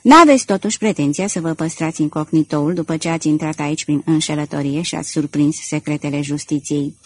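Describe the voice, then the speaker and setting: A woman voicing a gruff suspicious magistrate. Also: low-pitched, dry recording, voice pushed down. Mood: stern. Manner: curt, brusque, distrustful. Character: gruff suspicious male magistrate, curt and stern. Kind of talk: audiobook character voicing.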